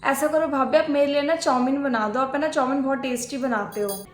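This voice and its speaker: A woman's voice: high-pitched, brisk, lightly acted. A woman playing a demanding, bossy married sister-in-law who complains and gives orders, in a homemade family skit. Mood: complaining. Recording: echoey room.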